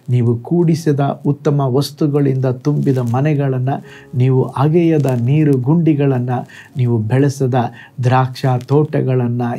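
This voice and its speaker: A man preaching a short devotional sermon as a pastor, in a measured way. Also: medium pitch, warm tone.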